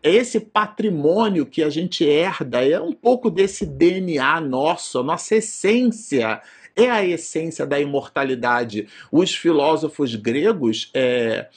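A man's voice: on the high side, animated, a little slow, slightly rough. A man with a Brazilian Portuguese accent teaching an informal study lecture, digressing often and tagging his sentences with fillers. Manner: digressive, frequent filler tags and restarts. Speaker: presenter of a spiritist study program.

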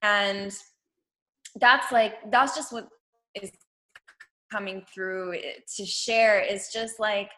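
Woman guest rambling earnestly about spiritual stuff, bright tone, lots of ums. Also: medium pitch, steady tone, takes it slowly, long pauses. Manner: earnest, rambling with many fillers and restarts. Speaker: podcast guest. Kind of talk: casual spiritual chat. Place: at home.

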